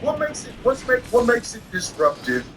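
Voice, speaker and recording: Blunt ranting man, high lively voice. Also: moderate pace, slight background noise, rough recording. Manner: blunt, opinionated, argumentative. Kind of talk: casual opinion rant.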